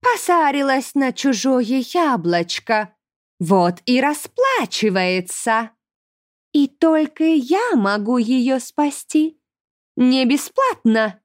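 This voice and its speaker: A woman reading an audiobook, voicing a cruel, mocking female demon who gloats in slow, drawn-out taunts. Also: sits high, big pitch swings, no room sound, studio quality, pitched above the performer's own voice, heavily acted. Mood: gloating taunt.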